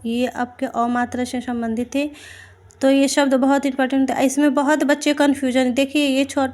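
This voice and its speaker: A woman teacher giving an exam-prep spelling lesson, slowly reading out word lists and pausing to ask her students rhetorical questions. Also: high-pitched, little pitch movement, darkish tone. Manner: slow, deliberate reading of word lists with brief explanations.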